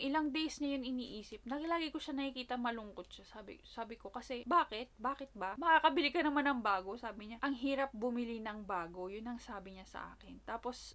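Bright-voiced woman vlogger, chatty. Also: high voice. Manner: chatty and emotional, voice softening to near-whisper asides. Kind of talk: casual unboxing chat. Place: home in Japan. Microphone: phone camera.

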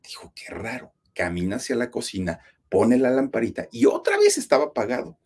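A husky-voiced man with a Mexican accent narrates a scary true-life tale. His pitch leaps and falls expressively, and he keeps turning to address his audience to heighten the suspense. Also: huge pitch swings, a little fast, darkish tone. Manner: talks straight to listeners, suspenseful. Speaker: horror storyteller, channel host. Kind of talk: dramatic spoken storytelling.

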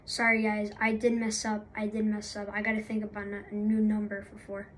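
A woman's voice: medium pitch, completely flat delivery, fairly quick, slight background noise, low-quality recording. A young woman talking off the cuff as a gaming YouTuber, rambling and apologizing, with lots of fillers and restarts. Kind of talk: unscripted casual commentary.

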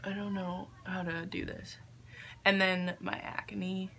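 A young woman vlogging casually, halting and unsure of herself, with a self-deprecating way of talking. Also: medium pitch, level tone, creaky, bright, forceful tone. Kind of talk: casual makeup vlog chat. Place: attic bedroom, indoors. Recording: faint background noise, room ambience.

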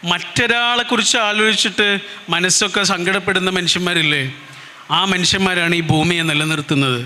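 A man's voice: sits high, fairly even intonation, brisk, sharp tone, big-room sound. A man giving a motivational speech, telling a personal story in an earnest, emotive way with repetitions. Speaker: motivational speaker.

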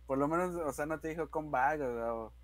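A man's voice: fairly high pitch, fairly quick, no room sound. Man chiming in on a podcast. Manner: chimes in with short comments. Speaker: podcast co-host. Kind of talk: casual chat.

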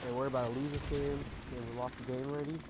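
A man's voice: mid-range voice, flat delivery, racing. A young man chatting casually over video game sounds as a gaming YouTuber, rambling and repeating himself with slangy, sweary talk. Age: young adult. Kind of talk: casual chat over gameplay. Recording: noisy, game gunfire behind voice. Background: video game gunfire and ambience.

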